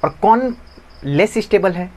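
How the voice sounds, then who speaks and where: A man with a fairly high voice, teaching in a loose, chatty classroom style. He keeps asking questions and answering them himself, repeating each key term so it sticks. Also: expressive, measured pace, a little mellow. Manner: conversational, asks and answers his own questions, repeats key terms.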